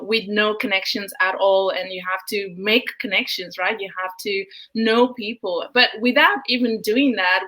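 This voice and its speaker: A woman's voice: medium pitch, bright, forceful tone, rough recording. A woman in her thirties from Nepal, a travel blogger chatting as an interview guest, full of fillers like you know and um. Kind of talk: casual interview talk.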